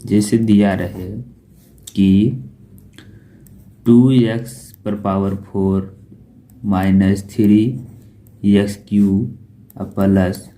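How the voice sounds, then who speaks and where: Slow, low-toned math teacher. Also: male voice, dark tone. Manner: asks questions and answers them himself, repeats key terms. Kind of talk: classroom-style lesson explanation.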